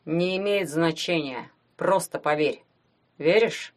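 A woman voicing a brooding young male necromancer, who speaks slowly and measuredly, as if through his teeth. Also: low-pitched.

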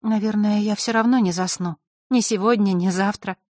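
A man voicing a stubborn, quick-tempered teenage girl in an audiobook, talking in a raised, indignant voice. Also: high voice, fairly even intonation, no room sound, clean studio sound, pitched above the performer's own voice, lightly acted. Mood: quiet. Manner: indignant, defensive.

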